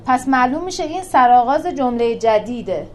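A woman with a fairly high voice leads a religious lesson on scripture. She keeps posing questions to her listeners and answering them herself, in a lively back-and-forth style. A faint hiss sits under her voice. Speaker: teacher of a Quran class for women.

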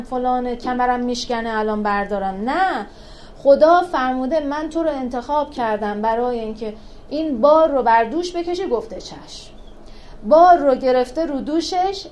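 A woman with a fairly high voice leads a religious lesson on scripture. She keeps posing questions to her listeners and answering them herself, in a lively back-and-forth style. A faint hiss sits under her voice. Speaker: teacher of a Quran class for women.

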